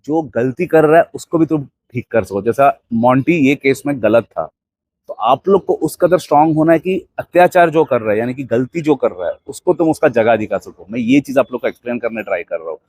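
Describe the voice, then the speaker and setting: A man's voice: medium pitch, animated, normal speed, a little mellow, dry recording, studio quality. Emphatic man giving blunt opinions. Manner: assertive, emphatic, addresses viewers directly and mixes in English phrases. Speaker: commentator giving his opinions on a case. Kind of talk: forceful opinion monologue to camera.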